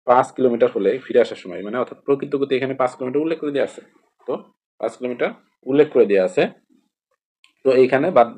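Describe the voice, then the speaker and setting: A man's voice: on the low side, dark tone. A man with a Bangladeshi Bengali accent, teaching an exam-prep lesson in a rambling way, repeating and spelling out words. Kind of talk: casual explanatory lesson.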